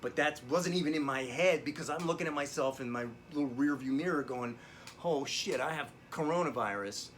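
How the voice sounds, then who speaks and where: A man's voice: on the high side, a little fast, fairly bright tone, a little hiss or hum, natural voice. A man playing a down-on-his-luck drum teacher who rambles through a digressive, profane story during a remote lesson. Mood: rambling. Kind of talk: comedic character monologue. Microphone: video call lesson.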